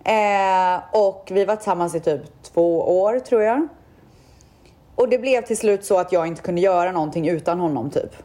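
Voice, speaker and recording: Chatty young woman telling a story. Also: on the low side. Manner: chatty, animated retelling with quoted voices. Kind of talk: casual chat, storytelling.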